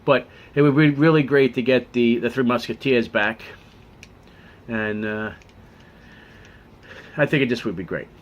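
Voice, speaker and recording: A man vlogging to camera in a casual, earnest way, with many restarts, often dropping low and quiet on sincere points. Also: unhurried, long pauses, highs cut off.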